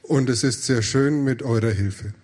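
Male church interpreter, mid-pitched, phrase-by-phrase delivery, frequent hesitations and self-corrections. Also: unhurried, a little mellow. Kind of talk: live sermon interpreting.

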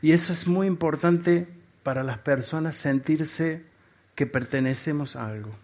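Argentine preacher speaking in short bursts. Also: male voice, fairly high pitch, a little mellow. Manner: speaking in short phrases with pauses for an interpreter. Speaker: guest preacher. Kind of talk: sermon.

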